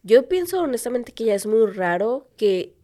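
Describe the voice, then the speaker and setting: A woman's voice: on the high side, sing-song, moderate pace, warm tone. A woman with a Mexican accent co-hosting a true-crime podcast in informal, slangy, casual chat. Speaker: podcast co-host.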